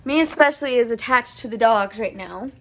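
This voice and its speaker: A woman's voice: a little high, a little fast, a bit bright. A young woman vlogging at home, telling a story casually with lots of fillers and giggles.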